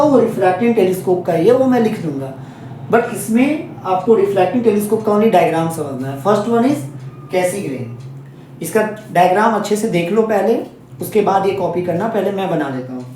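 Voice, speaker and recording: A man's voice: sits high, dark tone, distant mic, slight background noise. Echoey male physics teacher, heard from afar. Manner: repetitive, checks in often with students. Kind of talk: exam-focused classroom lesson.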